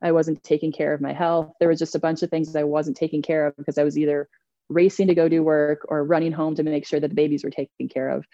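A woman in middle age speaks low and mellow as she recounts her career to an interviewer, slipping into lively quoted asides. The sound is dull and lo-fi, with a dry, close feel. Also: fast talker, dry recording. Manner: reflective, animated retelling with quoted asides. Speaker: interview guest. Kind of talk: candid conversational storytelling.

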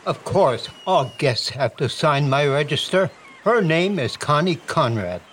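An actor playing a prim, superstitious dockmaster in a comedic noir audio drama. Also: male voice, a little high, animated, unhurried, fairly bright tone, slight background noise. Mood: matter-of-fact. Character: ominous, prim male dockmaster with superstitious warnings.

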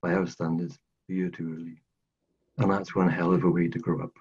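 Older welsh guy telling his story, low and a bit husky, kinda muffled audio. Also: flat delivery, a little fast, a little mellow. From South Wales. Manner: earnest, emphatic, repeats phrases for stress. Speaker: podcast guest. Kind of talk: casual storytelling interview. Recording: dull lo-fi audio.

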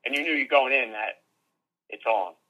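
A man's voice: medium pitch, moderate pace, sharp tone, highs cut off. A man co-hosting a casual podcast, enthusiastic and slangy, often tagging sentences with "man". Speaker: podcast co-host.

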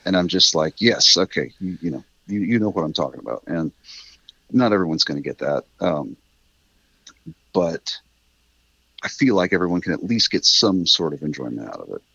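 A middle-aged man with a very low, bright-edged voice, the writer of a radio drama, is a guest in a relaxed, reflective interview. He rambles thoughtfully and corrects himself, speaking at a moderate pace with vocal fry and a breathy edge. The sound is close and dry, though slightly muffled.

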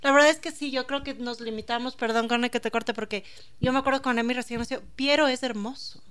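A woman co-host who chats casually and keeps agreeing warmly. Her voice is smooth and clear and sits a little high. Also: steady tone, fast. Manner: warmly agreeing, short interjections. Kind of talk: casual conversation.

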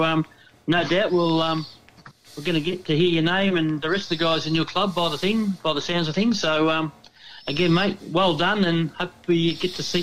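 Brief: Australian male interviewer, notably high voice, informal radio chat, light background noise. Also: fairly bright tone, poor audio. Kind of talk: casual interview.

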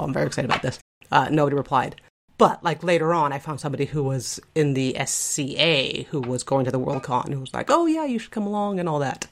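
A woman's voice: low-pitched, gravelly, a little hiss or hum. A woman in her forties, from Spain, chatting casually on a podcast in a rambling, self-interrupting way. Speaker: podcast co-host. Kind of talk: casual conversational chat.

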